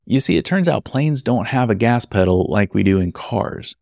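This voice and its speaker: A man tells a personal story from his work as an event photographer, speaking conversationally and tossing wry asides to the listener. His voice sits low with a gravelly edge. The recording is dry and close. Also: expressive, normal speed, darkish tone, no echo. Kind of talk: storytelling narration.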